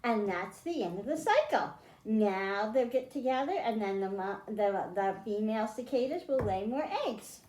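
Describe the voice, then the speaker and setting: With lively intonation at a normal speed, a librarian running children's storytime reads aloud and explains science plainly, putting questions to her young audience. Her medium-pitched voice is a little mellow, carrying a slight hiss or hum. The indoor recording is roomy and echoing.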